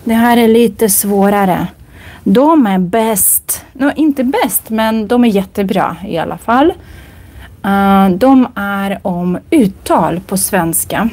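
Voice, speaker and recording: A woman teaching a casual language lesson in a library, browsing books and speaking slowly and clearly for learners. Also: medium pitch, a little mellow. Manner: slow, clear demonstrating speech for learners; chatty, recommends books while browsing. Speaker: Swedish teacher. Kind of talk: casual live lesson on a walk. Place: library, indoors.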